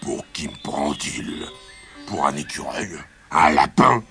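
A man voicing a proud, touchy male tiger with a low growling grumble in a storybook tale. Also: expressive, slow, over music, exaggerated voice. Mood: grumbling.

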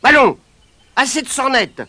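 A woman's voice: sits high, lively intonation, unhurried, bright, forceful tone, no echo, pitched above the performer's own voice, exaggerated voice. A woman voicing a cocky, stubborn young Irish boy who taunts and orders about in a raised voice. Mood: bossy. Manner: bossy and taunting, raises his voice.

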